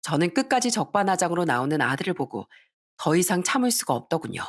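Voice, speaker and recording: A woman's voice: on the low side, big pitch swings, fast talker. A woman narrating a scripted story as a radio-style first-person account.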